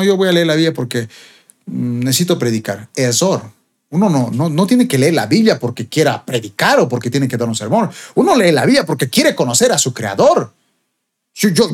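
A man preaching a sermon, his voice set a little high and swinging widely in pitch. He drives his points home with emphatic stresses that climb to high peaks. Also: breathy edge.

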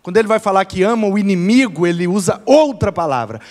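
A high-voiced man tells stories from the pulpit with a bouncing, animated delivery. His words ring out with a long echo in a church hall. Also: fast talker. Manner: animated storytelling with laughter. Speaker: preacher. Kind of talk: lively church talk. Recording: echoey hall reverb.

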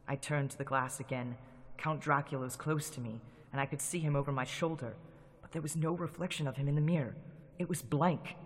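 A brisk, slightly high male voice narrates a classic radio drama with tense, dramatic delivery. He is the narrator and lead actor, and loud music plays beneath him.

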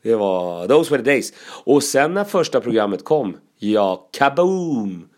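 A comedian telling casual, lively anecdotes, with laughs and asides. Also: male voice, mid-range voice.

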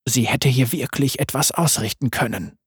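A man's voice: very high voice, expressive, normal speed, no echo, clean studio sound, pitched above the performer's own voice. A man reading a story aloud, voicing a young male warrior who gives urgent commands in a raised voice. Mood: hushed.

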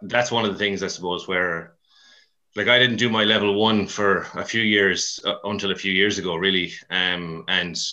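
Irish guy w/ west of ireland accent, deep voice, rambly colloquial chat, bit lo-fi recording. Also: fairly even intonation, normal speed, sharp tone. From Mayo and Dublin, Ireland. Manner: rambling, colloquial, self-deprecating. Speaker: CrossFit coach, podcast guest. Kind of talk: casual interview chat.

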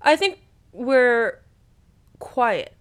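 A woman co-hosting a casual podcast chat, giggly and quick with reactions. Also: on the high side, big pitch swings, clear, resonant tone. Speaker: podcast co-host.

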